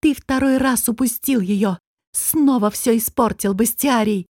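A woman's voice: a little high, unhurried, a little mellow, dry recording, studio quality. A woman doing a shrieking, furious young noblewoman. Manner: screeching, stamping fury.

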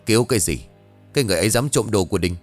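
A man voicing a stern, gruff old village sorcerer in a ghost story. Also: on the low side, animated, very fast, faint music behind, lightly acted. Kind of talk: audio ghost story reading.

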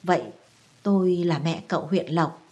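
A proud old lady of rank, voiced by a woman reading a storybook, formal and probing behind a show of friendliness. The voice is low and mellow. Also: normal speed, slightly rough. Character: elderly mandarin's widow, proud, scheming mother.

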